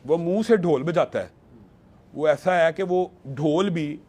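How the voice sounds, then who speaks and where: A man's voice: a little high, a little mellow. A man, a religious scholar, talking earnestly and arguing his case in a panel discussion, quoting scripture along the way. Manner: earnest, argumentative, quotes scripture.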